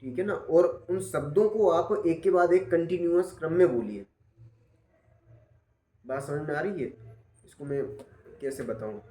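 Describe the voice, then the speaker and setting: In a class session, a man offers patient feedback step by step, regularly confirming his students follow him. His voice is a little high and dark in tone, unhurried and full of pauses, and the recording has a roomy echo.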